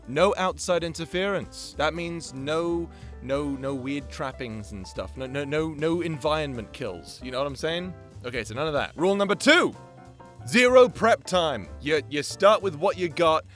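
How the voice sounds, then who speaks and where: This man, who created and hosts a channel for fans, talks in a chatty, informal, rambling style peppered with swearing. His voice is fairly high-pitched and a bit bright.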